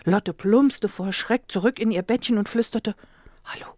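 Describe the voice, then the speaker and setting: A woman reading a children's story aloud in a gentle, expressive way. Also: medium pitch, moderate pace, no room sound, studio quality.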